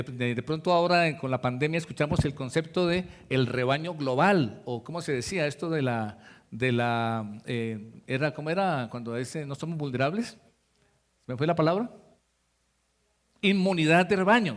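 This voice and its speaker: A man preaching a sermon as pastor, talking to the congregation in a conversational way and acting out the voices he quotes. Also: on the high side. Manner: conversational preaching, addresses listeners directly, acts out quoted voices.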